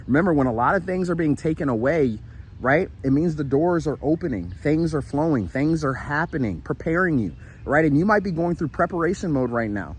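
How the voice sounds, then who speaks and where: Walking outdoors in the shade, worn out and sweating, a spiritual motivational vlogger delivers an encouraging, casual monologue in a voice on the high side, expressive and fairly quick. He repeats himself earnestly, restarts and tags on "right?" frequently, against slight background noise.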